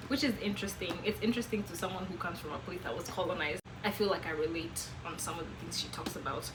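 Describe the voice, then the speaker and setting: A woman with a Kenyan accent, hosting a casual vlog and chatting to the camera with lively, emphatic jumps in her voice. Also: mid-range voice, background noise. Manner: animated, expressive, with sudden emphatic jumps. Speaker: vlogger host.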